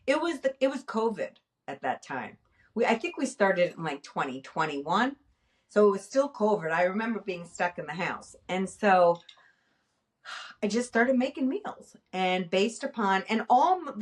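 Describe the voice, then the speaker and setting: A middle-aged woman hosting a casual talk show, animated and self-mocking, acting out her own past thoughts. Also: medium pitch, distant mic. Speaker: nurse and podcast host. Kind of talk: casual chat.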